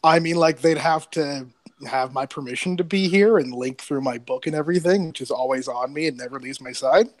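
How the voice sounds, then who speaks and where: Male player, higher-pitched, rattles along casually, dry close mic. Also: brisk, no echo. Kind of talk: casual tabletop play.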